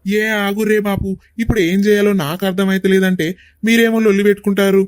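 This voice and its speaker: A man's voice: high voice, little pitch movement, fast talker, clean tone, no room sound, close to an everyday voice. A man voicing a hot-tempered, bossy young village son in a cartoon, with a Telangana Telugu accent. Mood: angry. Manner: angry, bossy shouting. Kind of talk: cartoon voice acting.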